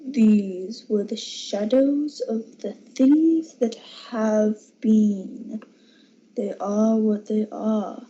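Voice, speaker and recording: A solemn, unsparing ghost played by a woman speaks extremely slowly in a dark, breathy tone, as in a radio play. The recording is muffled. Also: medium pitch, fairly even intonation, slight background noise. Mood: solemn, reproachful. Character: solemn, unsparing spirit showing a man his past. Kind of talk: amateur radio drama acting. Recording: dull lo-fi amateur recording.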